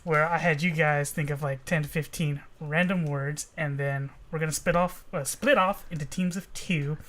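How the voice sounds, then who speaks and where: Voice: medium pitch, fairly even intonation, normal speed, fairly bright tone. A co-host on a casual podcast, upbeat while explaining a game. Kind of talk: casual chat.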